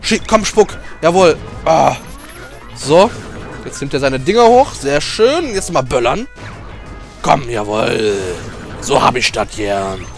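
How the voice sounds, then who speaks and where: A man doing let's play commentary, emotional and excitable, cheering, swearing and shouting at the game as he plays. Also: medium pitch, takes it slowly, faint music behind.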